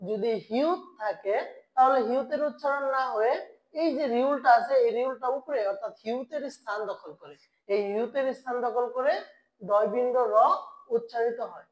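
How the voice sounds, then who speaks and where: A woman's voice: a little high, darkish tone, low-quality recording. Woman teacher, question-and-answer style. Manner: asks the class questions and answers them herself; slow, drawn-out spelling of syllables. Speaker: Korean language teacher. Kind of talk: online language lesson.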